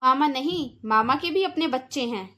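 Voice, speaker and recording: A woman's voice: sits high, expressive, moderate pace. A woman playing a scolding, stingy aunt. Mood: lecturing. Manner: lecturing, sharp-tongued. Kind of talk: cartoon voice acting.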